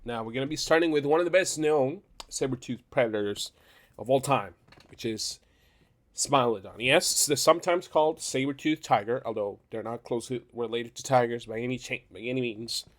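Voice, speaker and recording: A man's voice: medium pitch, moderate pace. Nasal-sounding sick young man rambling casually. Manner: rambling, self-correcting, laughs between phrases. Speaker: YouTube channel host. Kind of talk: casual tier-list commentary.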